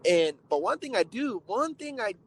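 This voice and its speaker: Hyped slangy man, fairly high voice. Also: very animated, moderate pace, slight background noise, poor audio. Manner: hyped, slangy, lots of filler phrases. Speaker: interviewer, host. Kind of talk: casual interview chat.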